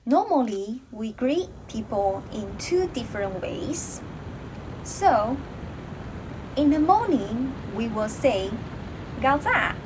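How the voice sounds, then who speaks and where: A woman from Taiwan with a Taiwanese accent, giving a language lesson in a deliberate, instructional way, phrase by phrase. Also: big pitch swings. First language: Taiwanese Mandarin and Taiwanese dialect. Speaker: language teacher. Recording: clearly noisy recording with low rumble.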